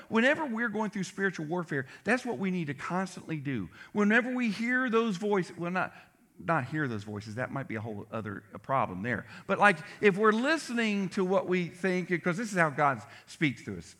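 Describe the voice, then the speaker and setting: A man preaching a sermon as pastor, animated and acting out voices in his story. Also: high-pitched, normal speed. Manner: animated, acts out biblical voices.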